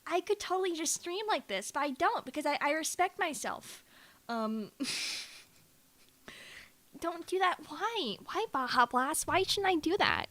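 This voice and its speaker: A woman streamer putting on an exaggerated, higher, sweeter voice and insisting in mock innocence that it is her normal one. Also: animated, measured pace, fairly bright tone. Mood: mock innocent.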